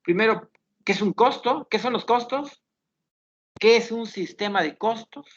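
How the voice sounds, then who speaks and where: A man teaching an online class, thinking aloud as he reviews student questions in a measured, explanatory way. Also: high-pitched. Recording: dull lo-fi online class audio.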